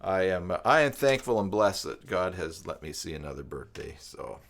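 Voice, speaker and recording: A very animated man in his 50s hosts a live stream and makes tutorials, speaking from a downstairs room at home. His low, creaky voice has a fairly bright tone and a moderate pace, and his talk is casual, rambling and conversational.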